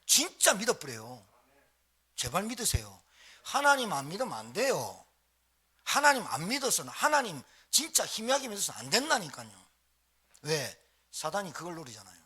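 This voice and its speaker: A man's voice: high voice, huge pitch swings, normal speed, pushed and bright, slightly rough. A male pastor preaching a live sermon in a church, exhorting the congregation with short repeated phrases and calls for response. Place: church sanctuary, live service.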